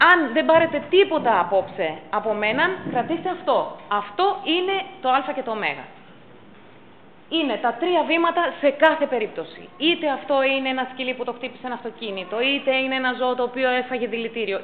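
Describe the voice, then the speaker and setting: Female instructor, emphatic, fairly high lively delivery, phone-thin recording. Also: narrow, tinny audio, a little hiss or hum. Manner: emphatic, repeats key points. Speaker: first aid instructor. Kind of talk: public talk on pet first aid. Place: council chamber.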